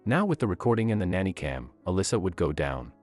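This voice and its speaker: A man with a very low, deep voice tells a true-life story in scripted narration. His intonation swings widely as he stresses the turning points, building suspense. Soft music runs faintly underneath. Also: sing-song, fast talker.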